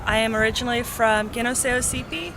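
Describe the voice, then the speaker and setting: A woman's voice: fairly high pitch, fairly quick. Female interviewee, plain introduction; noisy background.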